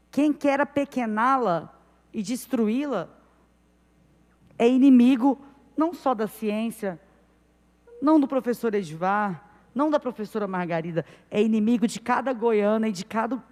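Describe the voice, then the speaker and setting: A woman's voice: a little high, darkish tone. A woman councillor chairing the session, giving an impassioned, emphatic political speech full of repeated phrases. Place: city council chamber. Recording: reverberant council chamber.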